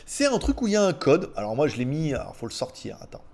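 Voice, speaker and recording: A man's voice: on the high side, huge pitch swings, fast talker, vocal fry, darkish tone. A man hosting a casual viewer Q&A, rambling and laughing often between answers. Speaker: host answering viewer questions. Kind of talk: casual chat. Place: indoors at home.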